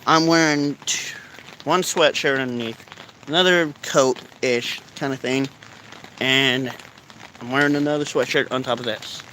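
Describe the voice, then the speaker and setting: A stoned man with a mid-pitched voice rambles casually to his viewers. He is laid-back and meandering in how he talks. He is recorded outdoors, with a faint noise of rain behind him. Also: fairly even intonation, a little slow, bright, forceful tone, poor audio. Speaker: vlogger. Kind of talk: casual rambling chat to camera. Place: outdoors in rainy, cold weather. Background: light rain.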